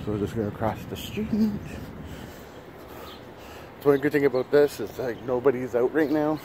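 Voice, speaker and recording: Street noise and traffic fill this phone recording of a man in his thirties, a vlogger walking outdoors through the city early in the morning with the phone held at arm's length. He talks casually at a quick pace in a mid-range voice, slightly breathless, rambling with plenty of fillers and restarts.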